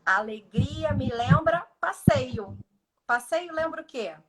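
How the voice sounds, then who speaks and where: A woman's voice: sits high, expressive, slow pace, noisy background. Woman therapist explaining with acted examples. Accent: Brazilian Portuguese. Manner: explanatory, acts out example dialogues with patients. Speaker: speech therapist guest. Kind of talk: instructive live chat. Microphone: video call.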